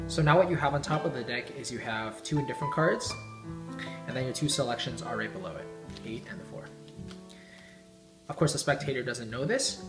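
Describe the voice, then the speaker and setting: A man giving informal card magician patter, teaching tricks step by step as he demonstrates them, talking to the viewer like a spectator. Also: medium pitch. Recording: roomy echo, guitar music behind. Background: plucked guitar music.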